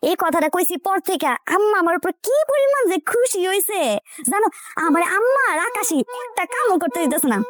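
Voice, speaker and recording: A chatty young village wife. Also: female voice, extremely high pitch, fairly quick, no room sound, clean studio sound. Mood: coaxing. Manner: chatty, lively and scheming.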